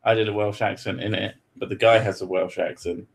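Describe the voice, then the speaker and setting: The man's voice is low, steady, brisk and creaky; he's a British podcast host answering questions. In this laid-back chat he jokes, swears freely and laughs often.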